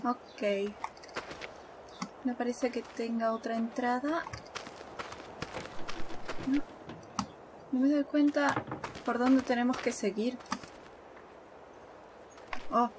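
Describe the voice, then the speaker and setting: A woman's voice: on the high side, fairly even intonation, drawn-out words, long pauses, noisy background. A woman commenting on a horror game as she plays, talking to herself in a nervous way. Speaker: gamer. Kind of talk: let's play commentary.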